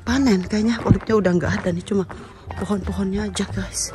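Filming herself on a phone at arm's length while climbing a mountain trail, a woman in her thirties who makes travel vlogs chats casually, slightly winded, and moves between two languages. She talks fast in a medium pitch with fairly even intonation, and background music runs under the outdoor recording.

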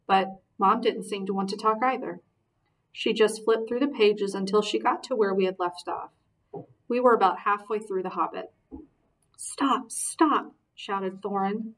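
A woman reading a novel aloud in a steady, earnest narration, recorded a little distant from the mic. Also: mid-range voice. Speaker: reader. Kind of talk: audiobook narration.

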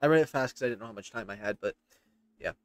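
Fast-talking and medium-pitched, this man in his thirties narrates his gameplay in a loose, rambling way, reacting and reading text out loud. Game music plays in the background, and the recording is dry.

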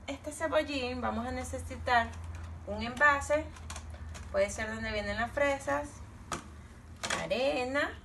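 Slow, patient preschool teacher woman. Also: a little high, fairly bright tone, slight background noise. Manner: patient, repeats words for kids to say back. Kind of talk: slow gentle lesson for young children.

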